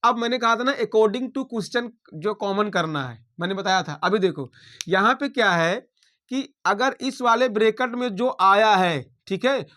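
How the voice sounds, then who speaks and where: High-voiced man teaching maths step by step. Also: a little slow, pushed and bright. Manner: talks through each step aloud, checking in with students. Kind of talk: blackboard maths lesson.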